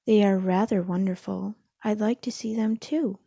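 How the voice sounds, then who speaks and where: A woman voicing a gentle, indulgent mother kangaroo in a storybook, soft, tender and measured. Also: medium pitch, steady tone, vocal fry, no echo, clean studio sound. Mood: gentle wonder. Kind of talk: storybook read-aloud.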